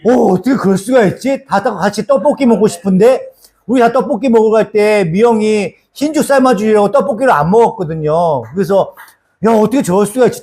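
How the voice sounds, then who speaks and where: A man's voice: high-pitched, a little mellow. A male pastor delivering a casual, conversational sermon that is full of rhetorical questions and asks the congregation for agreement. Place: church sanctuary.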